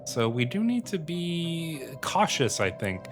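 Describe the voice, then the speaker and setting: Slow and fairly high-pitched, with big swings in pitch, a Canadian YouTube host with a heavy cold muses casually over a strategy game roleplay. Loud music sits beneath his speech.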